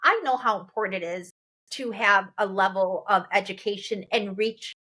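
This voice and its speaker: Speaking at medium pitch and a moderate pace, this woman in her forties hosts a casual chat with a guest. Hailing from Chicago, she's lively and repeats her guest's words often.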